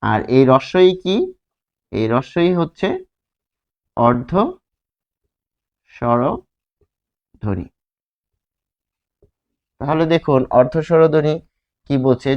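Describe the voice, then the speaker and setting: A man teaching a grammar lesson, explaining slowly and repeating words while drawing out their sounds. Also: fairly high pitch, muffled recording.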